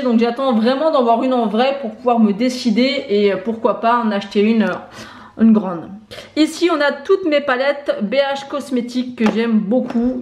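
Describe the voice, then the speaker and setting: A woman's voice: a little high, a little mellow. Chatty woman touring her makeup collection. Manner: chatty, many fillers, lists items one by one. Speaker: beauty vlogger. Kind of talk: casual makeup collection tour. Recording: echoey room with faint noise.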